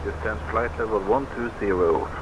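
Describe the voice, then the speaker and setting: A man's voice: on the low side, normal speed. Man on a crackly radio. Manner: clipped, matter-of-fact readback. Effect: radio transmission with static bursts. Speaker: pilot on radio. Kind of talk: aviation radio phraseology. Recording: muffled noisy radio channel.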